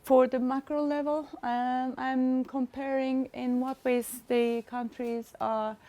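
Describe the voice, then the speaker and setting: A middle-aged woman gives a formal seminar presentation. Her voice sits a little high with a gravelly fry, and she halts often to find her words. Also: a little mellow. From Turkey. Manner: halting, searching for words with frequent pauses.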